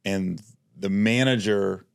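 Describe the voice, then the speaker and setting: A man co-hosting a casual podcast chat, an animated storyteller who acts out the people in his stories. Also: deep voice, slow, creaky, clean tone, dry recording, clean studio sound. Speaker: podcast co-host, comedian.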